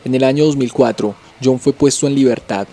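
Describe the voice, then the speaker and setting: A man giving a scripted documentary narration as a channel host, in an even, measured storytelling delivery. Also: mid-range voice, faint music behind.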